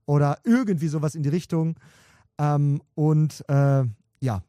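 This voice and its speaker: A man's voice: a little high, fairly even intonation, measured pace, warm tone, no echo, clean studio sound. A man co-hosting a commentary video, sharing insider gossip in a hesitant, casual way with many fillers. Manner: hesitant, filler-heavy, chuckling. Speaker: co-host sharing insider info.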